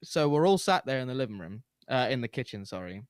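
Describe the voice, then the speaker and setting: A man's voice: mid-range voice, sing-song, fast talker, smooth, dry recording. A young man chats casually on a podcast, wandering through his stories with plenty of fillers. His voice sits in a middle register. The sound is close and dry, with no room around it. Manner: rambling, laid-back, frequent fillers. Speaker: podcast host. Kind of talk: casual chat, storytelling.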